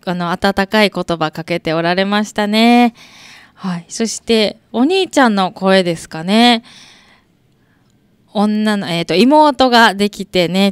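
A woman hosting a community radio show, introducing recorded birth scenes in a gentle, chatty way with soft laughs. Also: mid-range voice, clear, resonant tone, no echo. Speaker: radio host. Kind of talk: scripted radio presentation. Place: radio studio.

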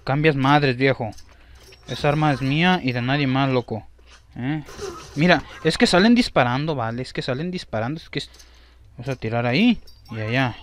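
A young man commentating his own gameplay, excitable and repeating himself as he talks. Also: mid-range voice, normal speed.

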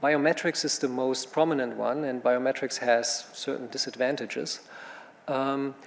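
Male panelist, gravelly, halting and thinking aloud, recorded in a reverberant hall. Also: mid-range voice, steady tone. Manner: thinking aloud, with many fillers and restarts. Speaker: panel speaker. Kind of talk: panel talk answering questions. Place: conference room. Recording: hall reverb with faint room noise.

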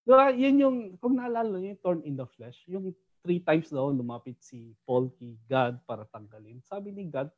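Filipino-accented preacher leading a Bible study, animated and conversational, mid-range voice, dull lo-fi sound. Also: medium pitch, moderate pace. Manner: animated, keeps asking "di ba?". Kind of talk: Taglish Bible study teaching.

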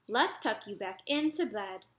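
A woman voicing a tired, patient frog father in a storybook read-aloud, soothing and gently weary. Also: medium pitch, expressive, unhurried, reverberant, natural voice.

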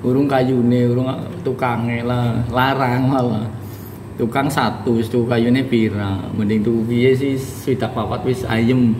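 A man's voice: mid-range voice, little pitch movement, measured pace. A man in his thirties with a Javanese accent, chatting and preaching through a casual unboxing vlog, filmed on a phone at arm's length in a small room. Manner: chatty, preachy asides, laughs often. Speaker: vlogger. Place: small indoor room with bare walls. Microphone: phone camera at arm's length. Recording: echoey room, distant mic, background noise.

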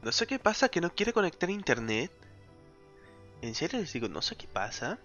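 Man, gaming streamer, bright voice, muffled lo-fi mic, game music behind. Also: on the high side, very animated, moderate pace. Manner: muttering, exasperated, laughs often. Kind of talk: casual let's-play commentary.

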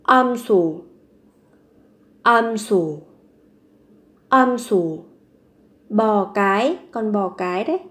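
In a vocabulary lesson, a female language teacher speaks extremely slowly with long pauses and lively intonation, her pitch medium. Each word gets said three times, slowly, followed by a patient explanation.

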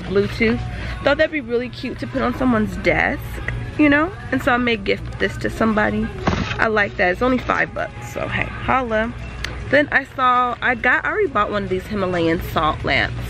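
A woman in her thirties chatting enthusiastically in a casual shopping vlog, recorded on a phone held at arm's length. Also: medium pitch. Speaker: vlogger.

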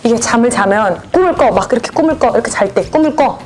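A crowd can be heard behind a woman who hosts her channel as she gives clues in a party guessing game, repeating words repeatedly. Her voice is on the high side, animated and quick.

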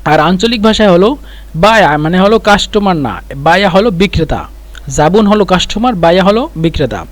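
High-voiced man teaching Arabic phrases. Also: lively intonation, no room sound. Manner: repeats phrases slowly, explains word by word. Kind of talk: spoken language lesson.

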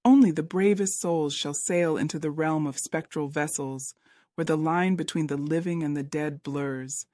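A man reading a scripted spooky story as narrator, with an even, dramatic storytelling delivery. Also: a little high, moderate pace, no room sound, studio quality.

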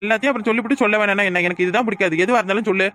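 A woman with a southern Tamil accent from Kanyakumari voicing a short-tempered middle-aged village husband in a cartoon. He is gruff and barks orders. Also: mid-range voice, rapid-fire, fairly bright tone, close to an everyday voice. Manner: gruff and demanding, snaps orders. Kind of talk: cartoon voice acting.

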